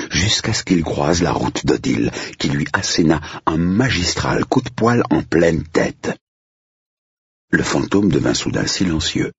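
Steady male storyteller, gravelly and low; close, dry, lo-fi recording. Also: no room sound. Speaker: narrator. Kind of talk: scripted narration.

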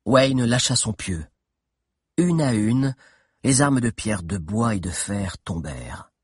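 A man reading a children's adventure novel aloud in a steady, dramatic narration with tense pauses. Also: lowish voice, breathy edge, no room sound, clean studio sound. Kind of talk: audiobook narration.

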